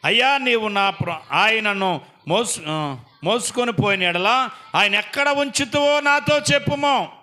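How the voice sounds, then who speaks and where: Grieving, desperate woman, pleading and tearful, high and bright, as a preacher puts her on. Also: lively intonation, unhurried, full character voice.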